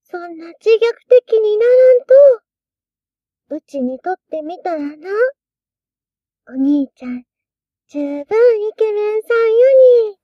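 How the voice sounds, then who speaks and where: A coy little succubus girl with bat wings, coaxing in a soft Mie dialect. Her voice is extremely high and her delivery slow and drawn out. The recording is dry and slightly dull. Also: animated, no echo, heavily acted. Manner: sweet, teasing, drawn-out coaxing speech. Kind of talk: tabletop role-play scenario voicing.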